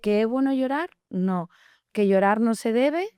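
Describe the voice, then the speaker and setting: A woman co-hosting a podcast, talking in an earnest, measured way and explaining with everyday examples. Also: fairly high pitch, animated, a little mellow, clear, resonant tone, no room sound, studio quality. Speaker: podcast co-host. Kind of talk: reflective podcast conversation.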